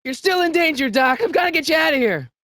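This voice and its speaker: Fast and urgent, the earnest teenage boy hero from a video game shouts in a very high-pitched, raised, heavily acted voice, swooping and animated, tripping over his words when flustered. The recording is dry and close with no room sound.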